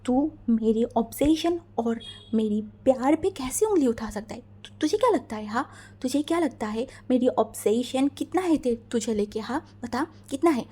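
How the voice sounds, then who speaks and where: A woman's voice: expressive, moderate pace, breathy edge. Woman doing a possessive, menacing young husband. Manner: intense, low and hushed, menacing questioning. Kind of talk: fan fiction story reading.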